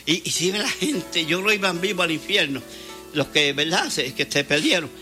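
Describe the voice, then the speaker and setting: A man's voice: fairly high pitch, moderate pace, pushed and bright, soft background music. A man preaching a fervent sermon, telling stories and acting out the dialogue with frequent laughter. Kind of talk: Spanish sermon with testimony.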